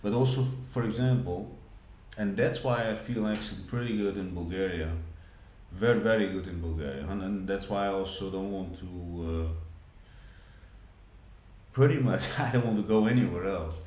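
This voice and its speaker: His voice lowish and a little mellow, this forties-aged Dutch vlogger with a Dutch accent talks at normal speed. The casual monologue meanders, with frequent restarts and repeated words. An echoey room and a faint background hum color the recording.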